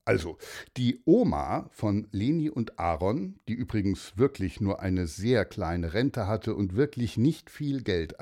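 Ein Mann, der Kindern eine Geschichte vorliest und sie direkt anspricht, plaudernd und gemütlich. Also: male voice, on the low side. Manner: warm, chatty, addresses children directly. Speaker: storyteller. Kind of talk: children's story narration.

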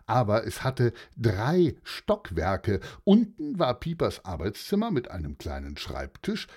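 Man narrating a children's story, husky, slow, lively pitch, talks to young listeners. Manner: gentle, addresses young listeners directly.

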